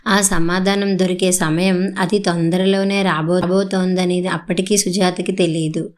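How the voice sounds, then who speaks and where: A woman narrating an audiobook story in a measured, steady reading style. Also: fairly low pitch.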